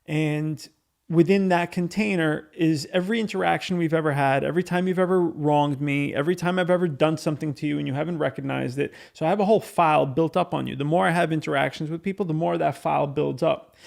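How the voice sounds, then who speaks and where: A man's voice: a little high, gravelly, darkish tone. A man hosting a podcast, speaking in an earnest, informal, philosophical way, as in a reflective wedding toast speech. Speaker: podcast host.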